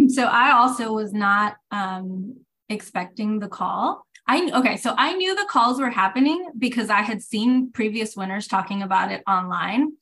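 A woman from Puerto Rico, an author on a panel, telling an animated, self-deprecating story and laughing often. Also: medium pitch, moderate pace. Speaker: award-winning author, panel guest.

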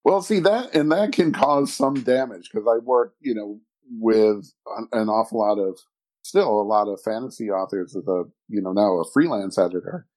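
A middle-aged fantasy author and editor speaks as a guest in a podcast conversation, reflective and rambling, often restarting his sentences. His voice is lowish and darkish, at a moderate pace.

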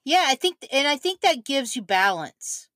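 A woman co-hosting a casual chat, speaking in slow, deliberate, measured phrases. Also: high-pitched, sing-song, a bit bright, no room sound. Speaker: podcast co-host.

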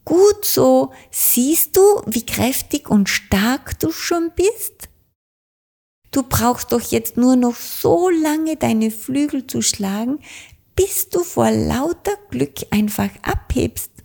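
A woman's voice: fairly high pitch, lively intonation, slow pace, gravelly, warm tone, voice pushed up, heavily acted. A woman voicing a cheerful, encouraging little witch in a children's audiobook, urging a friend on eagerly. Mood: excited, encouraging.

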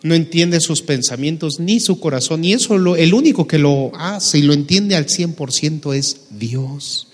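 A man's voice: on the high side, animated, moderate pace, few pauses, big-room sound. A man preaching a sermon as a pastor, speaking conversationally with asides and jokes.

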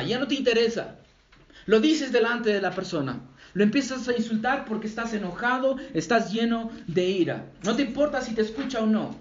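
High-voiced preaching man, lively swings. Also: reverberant, lo-fi sound. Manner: preaching with wide swings from loud emphasis to low asides. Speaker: pastor. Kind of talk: sermon.

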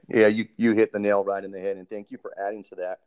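A man's voice: on the low side, little pitch movement, brisk, a little mellow, smooth, dry recording. A man hosting a podcast interview, polite and formal, with many ums, calling his guest sir. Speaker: host, military doctoral student interviewer. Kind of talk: casual interview, recorded podcast segment.

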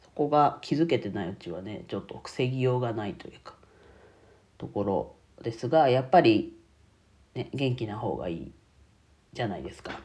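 A man's voice: medium pitch, big pitch swings, brisk, pauses often, a little mellow. A man with a nasal voice, congested from a cold, chatting casually to his listeners as a solo streamer. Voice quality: nasal, stuffy-nosed. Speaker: bookkeeping YouTuber and streamer.

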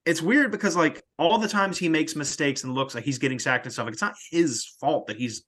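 A man's voice: a little high, a little fast, a bit bright. A young man co-hosting a sports podcast, talking casually and joking, often trailing off into fillers. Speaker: podcast co-host.

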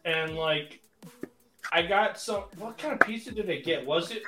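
Casual male podcast co-host, higher voice, rambling storyteller, echoey room with faint music. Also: normal speed. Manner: rambling, animated, many fillers.

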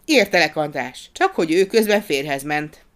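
A reader voicing a loud, well-meaning middle-aged country gentleman in a dramatized audiobook, speaking in a booming, hearty way. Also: animated. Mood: eager. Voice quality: booming and repetitive.

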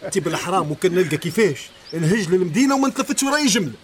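A man's voice: high voice, big pitch swings, rapid-fire. An actor playing a weary male farmer in a period TV drama, speaking bitterly with a Tunisian accent. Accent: Tunisian Arabic. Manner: bitter, scornful.

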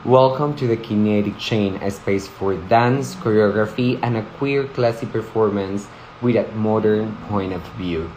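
A man's voice: fairly low pitch, takes it slowly, a little mellow, a little hiss or hum. A man hosting a live-stream conversation, effusive, repeating words for emphasis. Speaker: host, professional ballet dancer.

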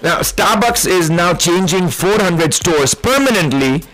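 A man with an Indian accent, hosting a casual talk show in a halting way that circles back over phrases. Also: high-pitched, expressive, fairly bright tone, soft background music, poor audio. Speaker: radio host.

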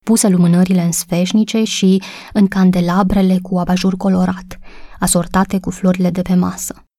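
Woman audiobook narrator, steady storytelling, warm tone, dry sound. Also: on the low side, no echo.

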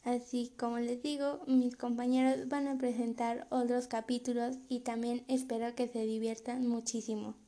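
Warm-voiced young woman, chatty. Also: a little high, flat delivery, moderate pace, few pauses. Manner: chatty, laughs while telling. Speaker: podcast host. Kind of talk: casual storytelling monologue.

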